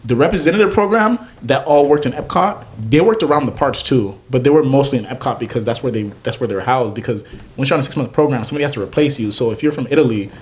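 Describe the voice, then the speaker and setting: An animated young man chatting as a guest on an interview show, from Naples, Florida. He tells his stories with energy and puts on little voices for the people he quotes. His voice sits at an ordinary, middle pitch. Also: quick pace. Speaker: guest chef and food truck owner. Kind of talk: casual interview chat.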